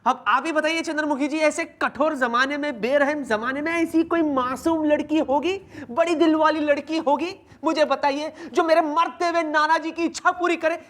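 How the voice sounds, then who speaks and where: A man's voice: very high-pitched, fairly even intonation, normal speed, hardly any pauses, a bit bright. A man playing a police boss in a TV sitcom, talking in an overblown, wailing, melodramatic way. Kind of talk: TV sitcom acting.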